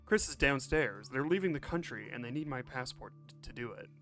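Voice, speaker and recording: A man voicing a helpful adult who works in news, reading game dialogue aloud in a calm, plain way. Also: medium pitch, fairly quick, soft background music, close to an everyday voice.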